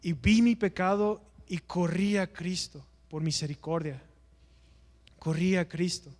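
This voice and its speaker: A man's voice: high-pitched, steady tone, a little slow, darkish tone, long reverb tail. A man teaching an evangelism class in a church, earnest and preacher-like, asking rhetorical questions and answering them himself.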